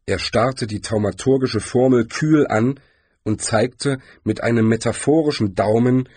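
A man reading a story aloud as an audiobook narrator, telling it in a measured way. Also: medium pitch, a little mellow, slightly rough, no room sound. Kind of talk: scripted narration.

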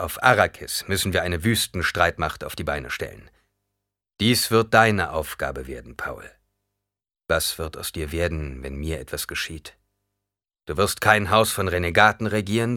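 A man reading an audiobook, voicing a weary, fatalistic noble duke who speaks gravely to his son. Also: sits low, normal speed, sharp tone, no room sound, clean studio sound.

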